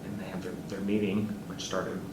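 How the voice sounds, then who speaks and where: A man who sits on a school board, answering interview questions earnestly and haltingly, with fillers, and turning emphatic. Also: deep voice, flat delivery, reverberant, recorded from a distance, background noise.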